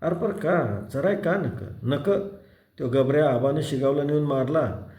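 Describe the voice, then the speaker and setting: A man's voice: fairly high pitch, unhurried, a little mellow. A man voicing a bold ten-year-old village boy. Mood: bossy. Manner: brash, challenging. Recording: roomy echo.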